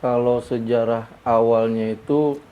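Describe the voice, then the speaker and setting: A man from Bogor, a guest in a casual interview, recounting events haltingly with many fillers. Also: mid-range voice, fairly even intonation, phone-quality sound. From Bogor, Indonesia.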